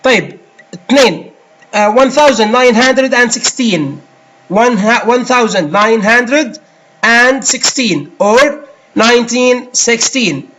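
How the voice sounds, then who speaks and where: High-voiced man teaching English. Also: fairly bright tone, a little hiss or hum, rough recording. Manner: explains in Arabic and English, pausing with many fillers. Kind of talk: screen-recorded English lesson.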